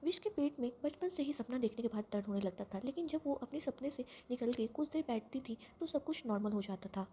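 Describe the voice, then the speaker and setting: A woman reads an audio love story in a steady, plain storytelling voice. Her tone is mellow and gravelly and sits slightly high. The recording is dull and lo-fi. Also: brisk, hardly any pauses, slight background noise. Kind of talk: scripted story narration.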